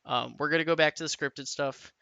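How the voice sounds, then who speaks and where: A man's voice: a little high, fairly even intonation, brisk, vocal fry, pushed and bright, clean tone, no echo, highs cut off. A man giving a casual, rambling talk to camera, full of restarts and fillers. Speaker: tabletop and larp rules reviewer. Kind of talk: casual unscripted rant to camera. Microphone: camera mic.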